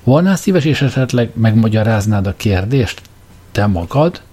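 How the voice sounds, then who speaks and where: Brief: male reader playing an excitable, anxious programmer, pushy and loud. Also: lowish voice, husky. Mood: agitated. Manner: agitated, raised and urgent.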